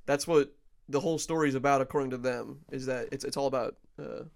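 A man's voice: medium pitch, fairly even intonation, gravelly. Profane joking young man. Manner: profane, joking, drawn-out drawl. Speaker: podcast co-host. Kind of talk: casual crude podcast banter.

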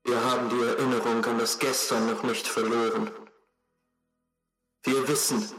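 A man's voice: medium pitch, level tone, fairly bright tone, pitched below the performer's own voice. Man doing a solemn rebel leader over a radio. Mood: rousing. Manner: solemn, rousing, slow oratory. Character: male resistance leader giving a rousing radio speech. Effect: voice heard over a radio set. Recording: echoey with faint music behind.

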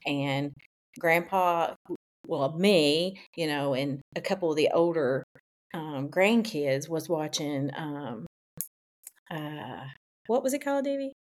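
Lower-voiced middle-aged Appalachian woman reminiscing. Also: lively intonation, takes it slowly. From Eastern Kentucky, United States. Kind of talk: casual reminiscing.

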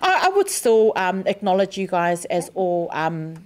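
A woman's voice: fairly low pitch, sing-song, a little slow. A woman co-hosting a casual podcast interview, speaking respectfully in hesitant phrases. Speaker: podcast co-host.

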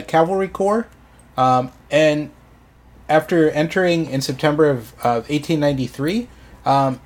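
A man walks his co-hosts through a history topic in a relaxed podcast chat. He stops often for ums and restarts his sentences. His voice sits at an ordinary middle pitch. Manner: frequent ums, halting restarts. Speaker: podcast host presenting history.

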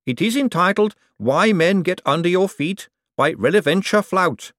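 A man voicing an earnest female golem clerk who speaks slowly, formally and precisely, in a higher voice than his own. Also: animated, a bit bright, no echo, clean studio sound.

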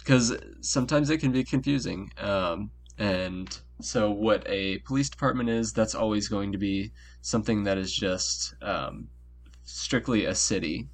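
A man with a low voice co-hosts a casual podcast over a voice call. He explains in a laid-back way, padding his talk with ums and uhs, while a faint hum runs under the line. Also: measured pace. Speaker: podcast co-host.

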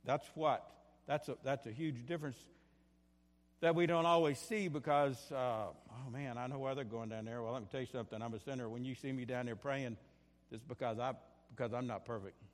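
A man preaching from a church pulpit, his voice carried by the long reverb of the sanctuary. He swings from fervent, rising bursts to hushed asides, doubling back on his phrases as he drives each point home. His pitch sits mid-range for a man. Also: brisk. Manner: impassioned, rising and falling in bursts, repeats phrases. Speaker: pastor. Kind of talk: sermon.

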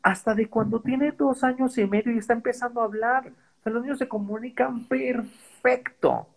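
A man's voice: very high-pitched, fairly even intonation, normal speed, creaky, husky, low-quality recording. A man with a Mexican accent chatting casually as a podcast guest, slangy and profane, constantly tossing in "¿sabes?". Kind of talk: casual conversational storytelling.

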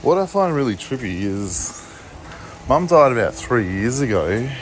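An Australian man in a loose, profane walking monologue, pitched in the middle range. He rambles and laughs easily. Faint background noise sits under his phone recording. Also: sing-song, unhurried. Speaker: vlogger. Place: walking about, partly in a supermarket.

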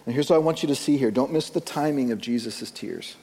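A man preaching a sermon as pastor, slow and deliberate, dropping soft and then rising with emphasis. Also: mid-range voice, long reverb tail.

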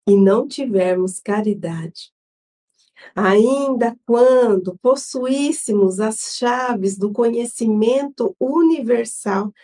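A Brazilian woman hosting an online Spiritist gospel study, leading an opening prayer and reading a devotional text in a solemn, measured way. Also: fairly high pitch, warm tone. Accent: Brazilian Portuguese. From Brazil, São Paulo state.

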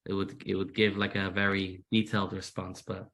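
A deep, slightly bright male voice with vocal fry, speaking at normal speed in a level tone. He's an English musician whose Manchester accent has gone a little American, chatting casually as an interview guest. He's self-deprecating and often repeats words.

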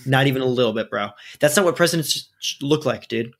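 A man's voice: mid-range voice, lively intonation, quick pace. Young American frat-bro guy, profane and slangy. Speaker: podcast host. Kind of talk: casual podcast banter.

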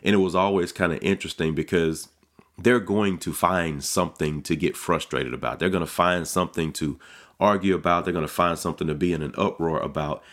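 A man's voice: low voice, fairly even intonation, fairly quick, fairly bright tone. A middle-aged man, a pastor, giving a casual devotional podcast talk, conversational and often repeating words as he starts sentences.

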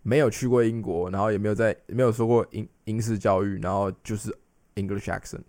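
Low-voiced chatty man. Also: fairly even intonation, fast talker, darkish tone, no room sound. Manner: rambling, many restarts and English switches. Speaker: podcast co-host. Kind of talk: casual chat.

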